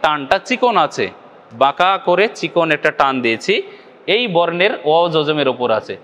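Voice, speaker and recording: Patient bangladeshi guy teaching recitation, keeps asking if u get it, highish voice, reverb-y room. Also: big pitch swings, normal speed, fairly bright tone. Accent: Bangladeshi Bengali. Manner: patient, repeats each point, often asks the viewer if they follow. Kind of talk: video lesson.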